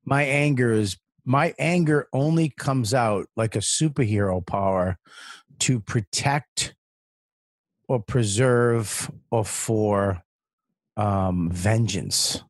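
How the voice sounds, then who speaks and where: A man guest on a casual podcast, telling stories in an animated way with a lot of swearing and restarts. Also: on the low side, slow, no echo, clean studio sound. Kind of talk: casual storytelling chat.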